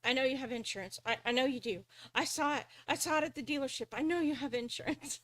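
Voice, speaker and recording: A woman's voice: high voice, fast, a bit bright, dry recording, pitched above the performer's own voice. A woman imitating a flustered male car salesman who keeps repeating himself in a panic. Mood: panicked.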